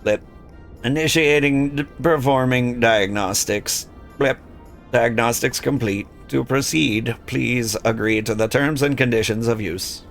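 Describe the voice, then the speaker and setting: A man doing a slow robot voice for a guidance machine. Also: medium pitch, faint music behind, lightly acted. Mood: mechanical. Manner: slow, clipped robot voice reading system prompts. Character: polite guidance robot node, mechanical and formal. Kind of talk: video game read-along with voices.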